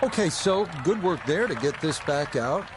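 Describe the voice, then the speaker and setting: A man giving measured, descriptive golf commentary as the lead play-by-play voice. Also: fairly high pitch, expressive, background noise. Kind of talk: sports commentary. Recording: loud music and crowd behind voice. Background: music, crowd, outdoor ambience.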